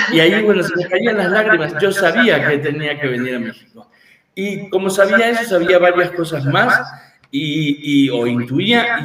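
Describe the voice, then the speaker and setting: A man's voice: on the high side, fairly bright tone, slight background noise. Man telling a story, echoey distant sound. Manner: reflective, frequent fillers like "este". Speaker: therapist and guest. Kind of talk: casual storytelling interview. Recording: echoey room, distant from mic.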